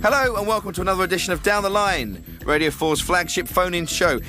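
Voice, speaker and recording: A man's voice: high voice, fast, over loud music, lightly acted. An actor playing a glib, self-satisfied male host of a radio phone-in show. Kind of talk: comedy phone-in hosting.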